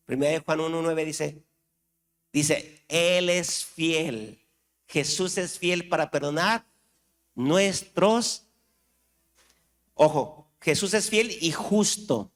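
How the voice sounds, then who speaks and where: A man with a Mexican accent preaching a sermon in a church, impassioned, swinging from loud outbursts to hushed lines. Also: on the high side. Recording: reverberant church hall.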